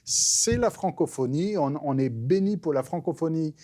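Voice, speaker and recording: Earnest higher-pitched man preaching. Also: animated, moderate pace, mellow. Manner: earnest, emphatic, with frequent restarts.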